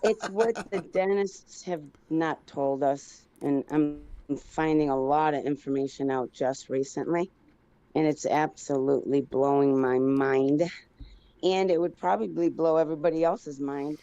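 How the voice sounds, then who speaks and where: Woman guest on a speakerphone call, low and mellow, dull muffled line, chatty and eager. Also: a little slow, no room sound. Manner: eager, rambling, talks in runs of clauses. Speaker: phone-in guest. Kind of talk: casual chat.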